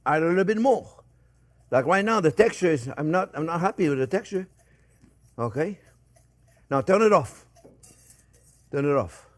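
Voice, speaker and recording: An older man with a slightly high voice presents a casual cooking demonstration. He is animated and talkative, repeats little phrases, and addresses his viewers as friends. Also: moderate pace, pauses often. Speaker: chef hosting a cooking show.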